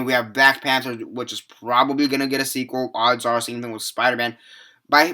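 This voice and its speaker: A seventeen-year-old guy with a medium-pitched, sharp voice rambles through a casual movie review. He keeps restarting, fills gaps with filler words, and lets the odd swear word slip.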